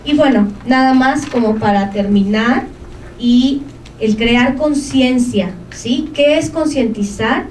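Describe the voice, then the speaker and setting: A woman, her voice sitting a little on the high side, presents an information session to a live group. She keeps checking in with her listeners through short questions. She is picked up from across an echoey room with a faint hum of ambience. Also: slow, darkish tone, distant mic. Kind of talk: informative talk to a live audience.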